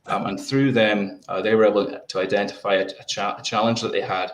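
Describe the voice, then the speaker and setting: Halting low-voiced man, echoey room. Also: flat delivery. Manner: halting, many repeated words. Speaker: guest. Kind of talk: interview answers.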